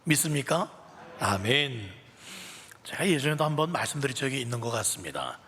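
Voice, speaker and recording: A man's voice: medium pitch, sing-song, racing, fairly bright tone, slightly rough. A man preaching a sermon as pastor, talking in a conversational way and leading the congregation in call-and-response. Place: church sanctuary. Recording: reverberant church hall.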